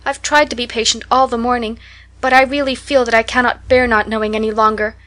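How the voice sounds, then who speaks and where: A woman's voice: on the high side, little pitch movement, brisk, a bit bright, close to an everyday voice. A woman voicing an eager, talkative orphan girl who speaks in a breathless, imploring, dreamy way in an audiobook. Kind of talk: audiobook character voice.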